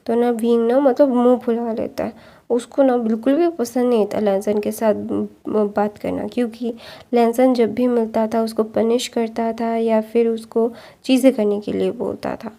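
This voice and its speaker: A woman narrates a long story in a loose, chatty way, filling pauses and restarting her sentences. Her voice sits fairly high but barely moves in pitch. The tone is dark and mellow. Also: little pitch movement, gravelly. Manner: rambling, many fillers and restarts.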